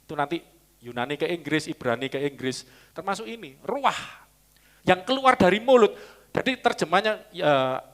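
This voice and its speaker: Animated, bright-voiced pastor preaching. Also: male voice, a little high, moderate pace. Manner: teaching, explains original-language words with asides. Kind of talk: sermon.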